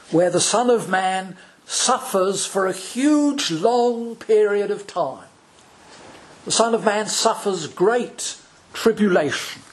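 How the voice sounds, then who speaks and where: Slow, high-voiced preaching priest. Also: male voice. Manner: slow, deliberate preaching with dramatic pauses. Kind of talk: sermon.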